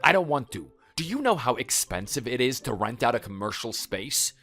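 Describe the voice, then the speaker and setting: A man playing an angry middle-aged cafe owner in a text-message story, his voice leaping up and down as he accuses, with soft music underneath. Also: mid-range voice, very animated, moderate pace. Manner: accusing, yelling.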